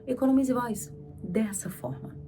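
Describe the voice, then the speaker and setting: A woman speech therapist with a Brazilian Portuguese accent, teaching a vocal exercise lesson, drawing out demonstration words slowly and instructing in an encouraging way. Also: on the high side, warm tone, far from the mic, faint music behind. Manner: slow prolonged demonstration words.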